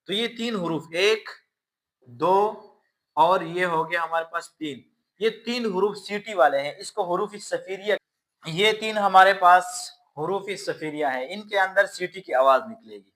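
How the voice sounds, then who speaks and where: A man teaching Quran pronunciation, stretching out each letter sound and then calmly explaining how to make it. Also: sits high. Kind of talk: slow letter-by-letter pronunciation lesson.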